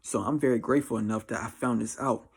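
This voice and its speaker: A twenty-four-year-old man with an American accent, a vlogger giving life advice, talks to camera in a casual confessional monologue. He's blunt, emphatic, and slangy, often repeating phrases, with a medium-pitched, steady, fast voice showing vocal fry and slight roughness.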